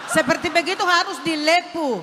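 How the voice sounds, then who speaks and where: A woman's voice: very high-pitched, brisk, a loud crowd, heavy background noise. A woman from Papua, a regional official, giving an earnest, plain-spoken impromptu speech on stage, with wry humor. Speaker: regional official speaking at a national meeting. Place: large conference hall. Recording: reverberant hall.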